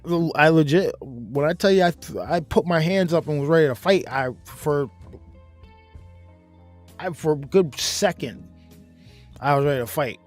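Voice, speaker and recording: A man telling a story in a casual chat, animated and profane, breaking into high yelps as he acts out being scared. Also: unhurried, pauses often, faint music behind. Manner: animated, profane, jumps to loud high yelps when acting out his fright. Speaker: podcast host.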